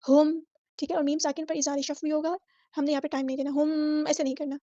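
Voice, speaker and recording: A woman with a Pakistani Urdu accent teaching Tajweed, explaining each letter and reciting verses slowly and drawn out. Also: high-pitched, flat delivery, dark tone, dry recording, lo-fi sound. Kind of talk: Quran recitation lesson.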